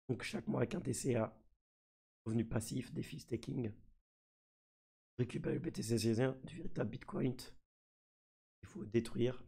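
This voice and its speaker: A man with a husky, gravelly voice, sick, giving casual live commentary as a mischievous streamer. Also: medium pitch, darkish tone. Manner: mischievous, trolling his community. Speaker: streamer presenting a crypto NFT project.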